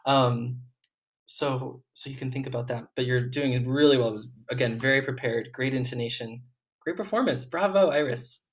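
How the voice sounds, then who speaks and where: Man, competition juror, encouraging, gentle, hesitant ums, video call audio. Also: mid-range voice, moderate pace. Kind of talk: spoken feedback to young players.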